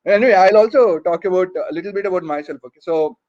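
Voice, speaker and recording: A man's voice: high-pitched, quick pace, lo-fi sound. A man with a Telugu accent, a native Telugu speaker, doing stand-up comedy in a conversational storytelling way. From Hyderabad region, southern India. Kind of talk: stand-up comedy monologue to an audience.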